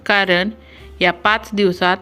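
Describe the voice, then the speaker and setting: A woman with a Marathi accent reads a string of jokes in a mid-pitched, even voice. She slips into quick voices for the characters and lets out small laughs at the punchlines. Faint music plays underneath. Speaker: joke narrator. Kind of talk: reading jokes aloud.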